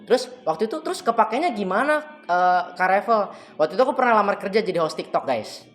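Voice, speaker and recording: A man's voice: high voice, expressive, fast, soft background music. A young man speaking as a guest and event MC, casually giving advice in colloquial language and acting out bits of dialogue. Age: young adult. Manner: colloquial, chatty, acts out quoted dialogue.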